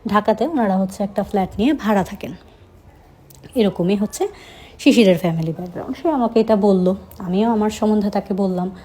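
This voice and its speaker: Soft-toned young woman telling her story. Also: mid-range voice, fairly quick. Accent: Chittagong Bengali. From Chittagong, Bangladesh. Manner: conversational, with frequent hesitations. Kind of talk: first-person storytelling.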